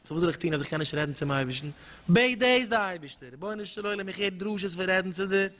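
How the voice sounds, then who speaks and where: A man's voice: high voice, fast, a bit bright. A man giving a storytelling sermon, fervent and emphatic, often repeating and restarting his words. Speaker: religious speaker. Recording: long hall reverb with faint music.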